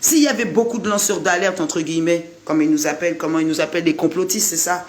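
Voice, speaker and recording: Man from Guadeloupe, high voice, preachy repetitive vlog rant, faint hiss behind. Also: quick pace. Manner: repetitive, rhetorical, addresses the listener directly. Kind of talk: impassioned monologue to camera.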